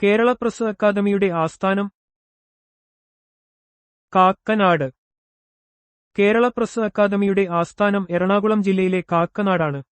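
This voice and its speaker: A man reading exam prep questions, each followed by its answer and a short explanation, in a steady recited pattern. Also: sits high, slow, long pauses, clear, resonant tone, no room sound. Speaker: exam coach.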